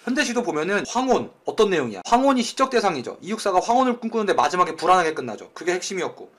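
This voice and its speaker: Fast, high-voiced joking male tutor. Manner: blunt, joking, crude slang; animated retellings with acted voices. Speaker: Korean-language exam tutor. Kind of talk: lecture.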